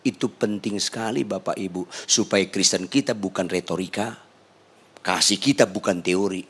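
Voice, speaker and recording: A man, a pastor, preaching a sermon in a church with humor, his voice leaping high for emphasis. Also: normal speed, breathy edge.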